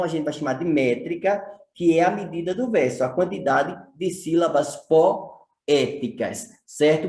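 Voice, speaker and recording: A man's voice: fairly high pitch, a little mellow, echoey room. A male teacher from Sergipe, Brazil, with a Brazilian Portuguese accent, explaining a lesson and asking rhetorical questions. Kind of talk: recorded online lesson.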